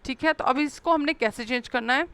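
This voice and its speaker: A woman's voice: high voice, brisk, sharp tone, smooth, no room sound. A woman teacher giving a grammar lesson to children, patiently explaining in mixed English and Hindi and spelling words out letter by letter.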